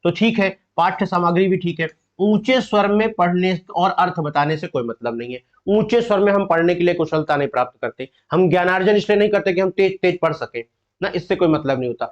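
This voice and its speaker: Man, high voice, teacher in a live online class, quizzing and explaining step by step, muffled lo-fi recording. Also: brisk. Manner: addresses students fondly as "beta". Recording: dull lo-fi audio.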